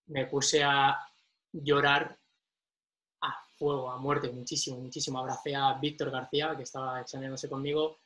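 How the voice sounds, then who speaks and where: A young man chats casually and emotionally, breaking into laughter as he tells his story. His pitch sits in the middle for a man. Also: fairly bright tone. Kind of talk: casual chat.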